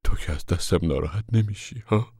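A man's voice: low voice, mellow, husky, dry recording, studio quality. A man voicing a sorrowful, guilt-ridden middle-aged man with a weary, heavy-hearted way of pleading.

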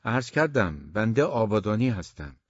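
A man reading the part of a polite, smiling young man who has come courting, speaking smoothly and courteously. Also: on the low side, very animated, no echo, dull audio.

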